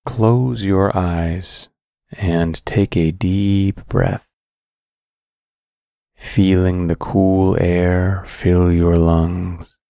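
A man narrating a guided sleep story in a calm, soothing, measured way, with long pauses between phrases. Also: low voice, gravelly, no echo, studio quality.

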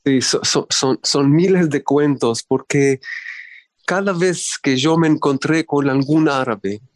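A man's voice: on the high side, slow pace, no echo, clean studio sound. A man in his fifties from Israel, a diplomat answering interview questions with many fillers and restarts. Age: 50s. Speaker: diplomat guest.

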